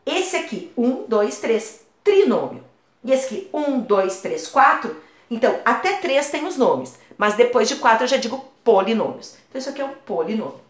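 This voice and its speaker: A woman's voice: on the high side, very animated, moderate pace. A woman math teacher explaining a lesson patiently, using everyday comparisons. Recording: echoey room.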